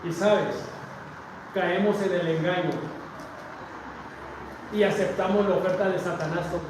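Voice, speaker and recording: A Mexican pastor with a high-pitched voice and a Mexican Spanish accent preaches a little slowly, swinging between loud declarations and hushed asides as he calls out to the congregation. He's recorded from far off in a large, very echoey sanctuary with a balcony, with steady noise underneath.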